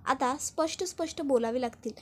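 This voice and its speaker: A woman's voice: sits high, fairly quick, a bit bright. A woman voicing a scheming male priest who persuades solemnly.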